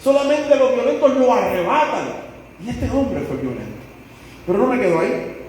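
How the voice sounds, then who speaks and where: Pastor, dramatic sermon storyteller, high voice, picked up from far off in a church. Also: male voice, very animated, normal speed, a little mellow, a little hiss or hum. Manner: dramatic storytelling, acting out the people in the stories. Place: church sanctuary. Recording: echoey church hall, voice from far off.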